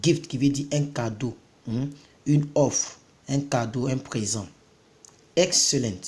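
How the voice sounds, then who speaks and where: A man's voice: mid-range voice, takes it slowly, a little mellow. Man repeating vocabulary words. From Côte d'Ivoire. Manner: repeats each word several times, then explains it. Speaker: self-taught English vocabulary tutor. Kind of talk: casual vocabulary lesson.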